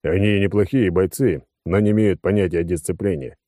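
A man's voice: low-pitched, a little fast, mellow, dry recording. A male narrator voicing a sensible clown comrade who talks in a dry, level, matter-of-fact way.

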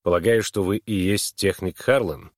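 A man voicing a composed, condescending male sociologist in a measured, calm way, in an audiobook. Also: sits low, no echo, studio quality, lightly acted. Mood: calm, polite.

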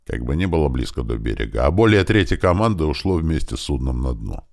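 A man narrating an audiobook in a lively way, raising his voice for the characters' battle commands. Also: a bass voice, fast talker, creaky.

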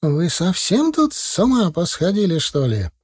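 A man voicing a furious, sarcastic middle-aged mother in an audiobook, hissing and shouting. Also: sits high, huge pitch swings, normal speed, husky, pitched above the performer's own voice, exaggerated voice.

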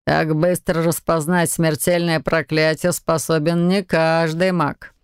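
A reader voicing an arrogant, cold male shadow mage who talks slowly and condescendingly in an audiobook. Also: on the high side, little pitch movement, clean tone, dry recording, clean studio sound. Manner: sneering, condescending, unhurried. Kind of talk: audiobook character reading.

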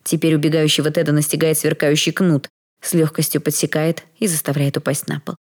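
A woman reading a first-person audiobook in a soft, even storytelling manner. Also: low voice, fairly quick, breathy edge.

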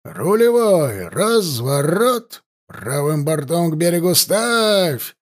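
A man playing an 18th-century ship captain who barks drawn-out orders to his crew in an audiobook. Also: a little high, big pitch swings, heavily acted. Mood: barking.

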